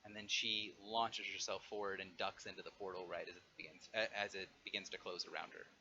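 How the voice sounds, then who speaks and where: A man running an online tabletop game as game master, explaining and narrating in a halting way. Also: deep voice, level tone, pushed and bright. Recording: dull audio with faint noise.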